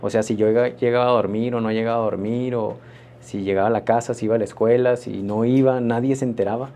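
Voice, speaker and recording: A pastor, telling his personal testimony in an interview in an earnest, reflective, halting way. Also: mid-range voice, steady tone, mellow, slight background noise.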